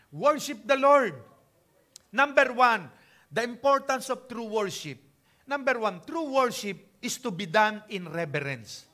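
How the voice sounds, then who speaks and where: A man's voice: high voice, bright, forceful tone. An older man from the Philippines preaching a conversational sermon as pastor, keeping the talk chatty and checking in with the congregation.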